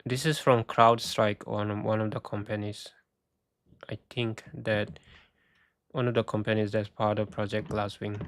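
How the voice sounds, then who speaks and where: A man hosting a casual screen-share walkthrough, thinking aloud with halting restarts, and he is losing his voice. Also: fairly low pitch, little pitch movement, no room sound. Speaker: tech video host.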